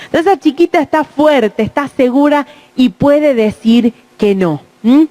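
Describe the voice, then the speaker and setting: A middle-aged woman with a high, mellow voice speaks at a measured pace, giving a talk to parents about protecting children. She acts out the voices of children and adults in quoted speech and keeps checking in with her listeners with "¿mm?".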